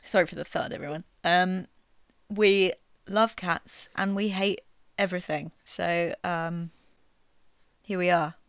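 A woman's voice: lowish voice, fairly even intonation, unhurried, clean tone, no room sound. A woman co-hosting a podcast in casual, wry chat, laughing often. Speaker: podcast co-host.

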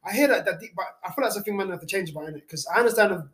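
A man's voice: high voice, rapid-fire, echoey room, crowd noise. A young man with a London accent arguing casually in street slang, often ending on tag questions. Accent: London, Multicultural London English. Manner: slangy, frequent "innit" tags. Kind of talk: casual group debate.

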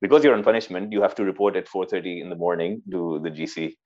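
A man with a Pakistani accent and a deep voice chats informally as he tells stories. He often stumbles and repeats words as he goes. The recording sounds a little muffled. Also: fast talker, a little mellow. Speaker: interview guest, former army cadet. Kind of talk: casual conversational storytelling.

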